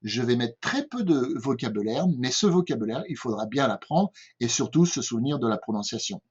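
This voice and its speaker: This older English teacher from France speaks a little fast in a mid-range voice that is animated, a bit mellow and slightly rough, with a French accent. Patient and repetitive, he often checks with listeners using "d'accord?" in his home-made lesson, recorded in dull lo-fi.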